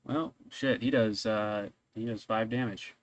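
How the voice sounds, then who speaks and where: A man working as game master of a tabletop role-playing game, narrating casually in a halting, hesitant way. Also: on the low side, fairly even intonation, dull audio, heavy background noise.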